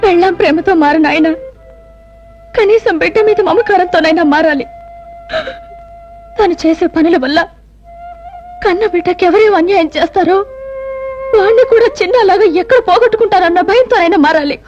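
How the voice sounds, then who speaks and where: A woman's voice: very high-pitched, moderate pace, pauses often. Tearful young mother. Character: tearful young mother who gave up her child. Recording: dull lo-fi with loud music.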